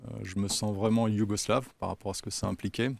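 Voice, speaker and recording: Gravelly low-voiced man, measured. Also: little pitch movement, darkish tone, slight background noise. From Yugoslavia, raised in France from age five. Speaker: company co-founder, guest. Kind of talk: casual interview talk.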